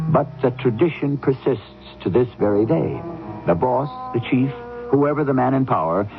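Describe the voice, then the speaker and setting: A man hosting and narrating a radio drama in a theatrical, wry style, pausing for effect. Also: fairly low pitch, vocal fry. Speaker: host and narrator. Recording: tinny radio broadcast.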